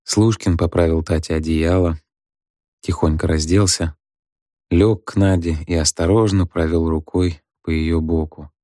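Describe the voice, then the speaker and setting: A man reads a story aloud in an even, steady storytelling voice. His pitch is very low. The recording is close and dry. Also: measured pace, dry recording. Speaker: narrator. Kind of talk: audiobook narration.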